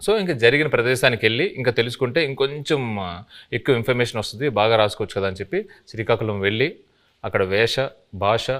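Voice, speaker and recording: A film director answering interview questions, explaining at an easy pace and laughing lightly now and then. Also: male voice, medium pitch, quick pace, fairly bright tone.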